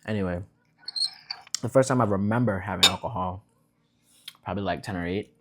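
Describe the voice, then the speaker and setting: A deep-voiced young man rambles easily through stories while eating at home. His talk is casual and unhurried, like a laid-back vlog. Faint noise and the clink of dishes sit behind him. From Vietnam. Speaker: vlogger.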